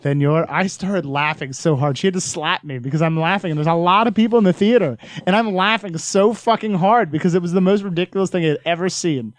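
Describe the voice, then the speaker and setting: A man's voice: high voice, fast, hardly any pauses, dry recording, clean studio sound. A man hosting a podcast, ranting and laughing in casual chat. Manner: loud, rants and laughs. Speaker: podcast host.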